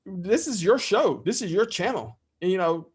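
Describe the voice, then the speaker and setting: A man's voice: sits high, lively intonation, moderate pace, breathy edge. A middle-aged man speaking as a podcast guest in candid interview talk, heartfelt and freely swearing.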